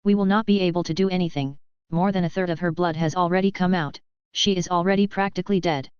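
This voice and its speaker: A woman voices a stoic young male fighter who speaks flatly and briefly. The voice is very smooth, and the audio is dry and slightly muffled. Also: high voice, fast, no echo, close to an everyday voice.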